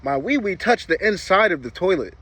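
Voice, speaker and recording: A man's voice: high-pitched, big pitch swings, fairly quick, a bit bright. A man vlogging in a laid-back, rambling storytelling style, his words slightly muffled by a lip packed with chewing tobacco. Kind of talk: casual storytelling chat to camera. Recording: clear background noise, vehicle ambience.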